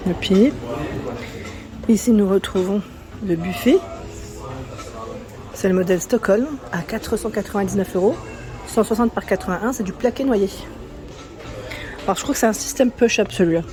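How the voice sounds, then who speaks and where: A woman vlogging as she walks through a large furniture store, chatting casually and reading out prices and sizes with lots of tag-on fillers. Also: medium pitch. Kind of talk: casual walkthrough chat.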